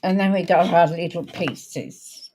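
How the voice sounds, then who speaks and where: A woman from outside America hosts a live card-making demonstration, chatting in an unhurried way as she works. Her voice is lowish, a little mellow, and slightly crackly.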